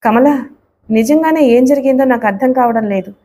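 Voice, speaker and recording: A woman voicing a bewildered middle-aged husband who pleads softly and slowly with his wife. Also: high voice, natural voice. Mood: pleading. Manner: soft, coaxing, slow.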